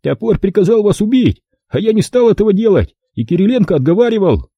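Man doing a squeaky cowardly accomplice. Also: big pitch swings, a little fast, breathy edge, dry recording, muffled recording, exaggerated voice. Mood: eager.

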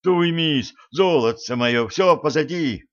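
A man's voice: on the high side, expressive, measured pace, voice pushed up. A man voicing a flustered, helpless husband who babbles pleas to his wife, in a dull audiobook recording. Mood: pleading. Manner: babbling, pleading.

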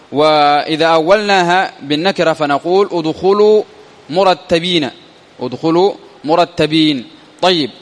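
A man's voice: on the high side, in a large hall. A man teaching a classical grammar lesson, often repeating key phrases and answering his own questions. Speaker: teacher explaining Arabic grammar.

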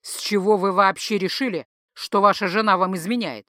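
A woman's voice: medium pitch, moderate pace, fairly bright tone, dry recording, clean studio sound, natural voice. A woman voicing a weary male magic-police chief who speaks with barely restrained irritation. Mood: irritated.

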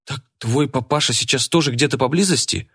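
A man's voice: mid-range voice, fairly quick, fairly bright tone, husky, no room sound, studio quality, voice pushed up. A man voicing a flustered young man who stammers in alarm. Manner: startled, stammering.

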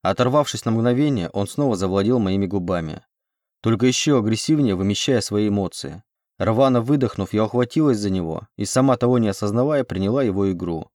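Low-voiced guy narrating an audiobook, steady measured reading, dry close sound. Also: dry recording. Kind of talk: scripted narration.

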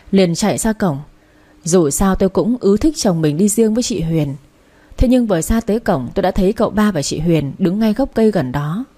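Mellow-voiced woman narrating a story. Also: medium pitch. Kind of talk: first-person story narration.

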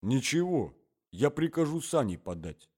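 A man voicing a hoarse, gruff, very tall gentleman who grumbles. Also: mid-range voice, very animated, unhurried.

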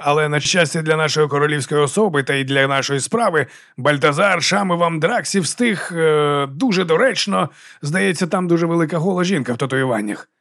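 A man's voice: a little high, fairly bright tone, no echo, clean studio sound, voice pushed up. A man voicing a pompous, boastful magician who savors his own words. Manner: pompous, drawn-out.

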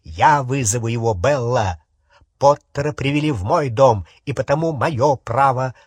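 A proud, haughty nobleman wizard, read by a male narrator, pressing his claims in a raised, insistent voice. The delivery is slow with a husky grain. An audiobook performance. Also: medium pitch, no echo.

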